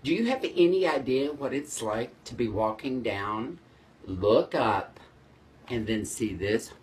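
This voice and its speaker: A man's voice: mid-range voice, lively intonation, takes it slowly. A man hosting a short etiquette segment, talking casually to camera in a playful, mock-exasperated way.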